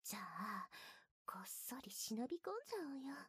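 A young woman voicing a mischievous invisible girl from the future, teasing in a breathy whisper close to the ear. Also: medium pitch, very animated, normal speed, a bit bright, no room sound, full character voice. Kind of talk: ASMR whispering roleplay.

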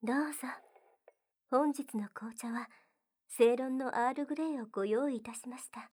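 A woman voicing a gentle, devoted young maid in an ASMR roleplay, speaking softly and very formally, often in a whisper. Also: high-pitched, normal speed. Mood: soothing. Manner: soft-spoken, very formal polite speech, often whispered.

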